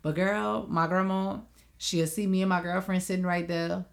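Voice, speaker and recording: A young woman on a casual podcast, telling lively stories and acting out her relatives' voices. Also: on the low side, moderate pace, creaky. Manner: animated storytelling, acts out relatives' voices; frequent "you know what I'm saying". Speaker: podcast co-host. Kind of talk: casual chat.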